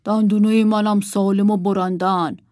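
A woman's voice: medium pitch, level tone, darkish tone, no echo, clean studio sound, lightly acted. A woman voicing a boastful male toy wolf doll who talks proudly.

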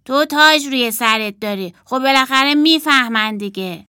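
A woman's voice: high-pitched, sharp tone, clean tone, dry recording, clean studio sound, pitched above the performer's own voice. A woman voicing a matter-of-fact little boy doll. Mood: plain.

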